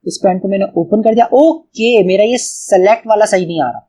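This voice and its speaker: A man's voice: high voice, fairly quick, mellow. Casual Pakistani man talking through code. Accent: Pakistani Urdu. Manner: casual, thinks aloud, keeps saying "bhai". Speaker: coding tutor. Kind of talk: screen-recorded coding tutorial.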